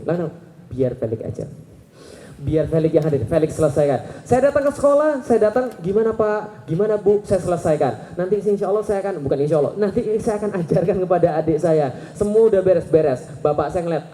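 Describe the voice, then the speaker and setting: A man in his thirties preaching a lively Islamic sermon to a live crowd, telling stories, acting out the people he quotes and asking the audience rhetorical questions. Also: high-pitched. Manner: animated storytelling, acting out quoted voices. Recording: echoey hall sound.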